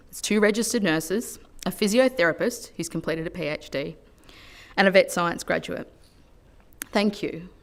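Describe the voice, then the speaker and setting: At a lectern microphone in a legislative chamber, an Australian woman politician delivers a formal parliamentary speech. Her voice is on the low side and a bit bright, and her manner is earnest and measured.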